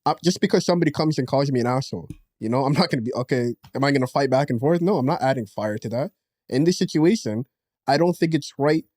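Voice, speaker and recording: A man in casual podcast chat, talking in a relaxed, slangy way. His voice sits at an ordinary middle pitch for a man. The recording is dry and close, with no room sound. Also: quick pace, no echo. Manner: slangy, peppers talk with "yo" and "fam". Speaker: podcast co-host.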